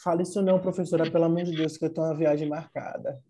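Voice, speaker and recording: A graduate student from Bahia, Brazil, jokes easily on a video call. His voice is mellow and sits a little above average pitch for a man. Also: level tone, rapid-fire. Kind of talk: casual chat on a video call.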